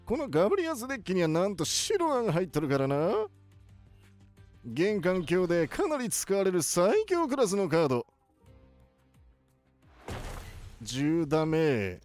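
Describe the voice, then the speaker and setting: A man voicing an excitable elderly cartoon professor, giving playful video game commentary with drawn-out words. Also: sits high, dry recording, faint music behind. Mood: excited. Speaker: gaming video host.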